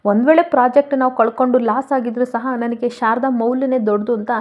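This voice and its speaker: A woman voicing a calm, firm old grandfather who heads the family in a serial recap. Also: a little high, brisk, phone-quality sound, close to an everyday voice.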